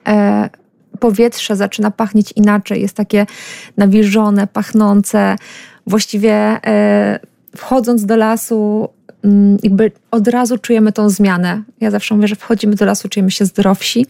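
A woman's voice: mid-range voice, level tone, measured pace, vocal fry, warm tone, no echo. A woman speaking as a radio guest, a forest bathing guide talking thoughtfully with many hesitations. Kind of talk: casual radio conversation.

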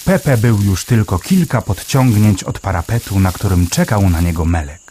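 A man reading a children's story aloud with gentle, expressive narration. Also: lowish voice, normal speed, a little hiss or hum.

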